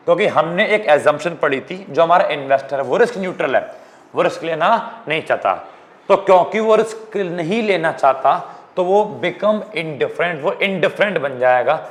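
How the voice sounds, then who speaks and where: Young Indian man teaching economics. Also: on the high side. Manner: conversational, checks in with students often. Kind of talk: informal Hindi-English classroom lecture.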